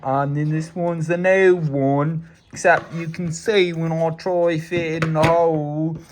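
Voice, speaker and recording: A man's voice: a little high, level tone, slow. A man in a DIY car repair vlog doing a mock British accent, rambling chattily over a noisy background. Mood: chatty. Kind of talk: casual chat.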